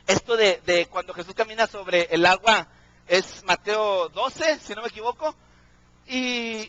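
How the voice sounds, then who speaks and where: A man's voice: extremely high pitch, sharp tone, no room sound, low-quality recording. Man, preacher, sermon, questions the crowd, dry sound. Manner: questions the congregation, checks in with "¿sí?".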